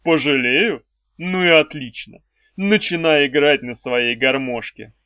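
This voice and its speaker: A man's voice: fairly high pitch, unhurried, clean tone, dry recording, natural voice. A man voicing a self-assured, mocking lord of darkness with a dry ironic manner. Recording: dry, slightly dull audiobook recording.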